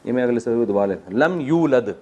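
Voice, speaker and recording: A man from Pakistan, teaching an Arabic grammar lesson. He draws out the Arabic words slowly and adds quick joking asides. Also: mid-range voice, expressive, a little mellow. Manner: slow, drawn-out recitation of Arabic words, then quick asides with jokes.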